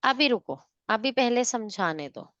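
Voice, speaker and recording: High-voiced woman teaching class. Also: lively intonation, unhurried, fairly bright tone, dry recording, muffled recording. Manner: mixes Hindi and English, checks students often. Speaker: science teacher. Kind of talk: online class lecture.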